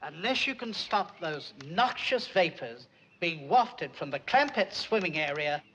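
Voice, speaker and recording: An actor playing a stiff, formal butler who speaks deferentially. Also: male voice, a little high, big pitch swings, a little slow, pushed and bright, slight background noise, full character voice, rough recording.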